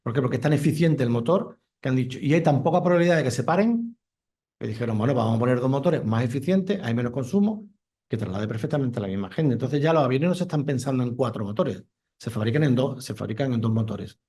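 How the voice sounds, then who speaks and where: A man's voice: mid-range voice, fast talker, mellow. A man who is a commercial airline pilot, speaking with enthusiasm at a conference talk and explaining with examples. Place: lecture room.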